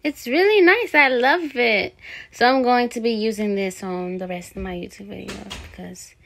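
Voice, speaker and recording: A young woman chatting casually in a home vlog, relaxed and rambling with fillers, filmed on a phone held at arm's length. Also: fairly high pitch, normal speed, creaky. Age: young adult. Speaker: vlogger. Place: home, kitchen and bedroom indoors.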